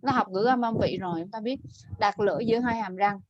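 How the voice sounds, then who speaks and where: A woman teaching an online English class over a video call, correcting pronunciation and modelling words slowly. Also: medium pitch, muffled recording.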